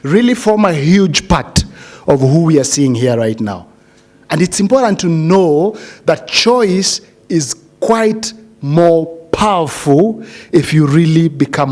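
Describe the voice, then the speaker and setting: This earnest motivational address to a graduating cohort comes from a middle-aged Kenyan man with a fairly high, slightly mellow voice. He keeps returning to repeated phrases and questioning the seated audience.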